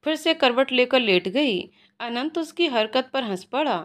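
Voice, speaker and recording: Woman narrating a love story, steady reading, kinda high voice. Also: unhurried.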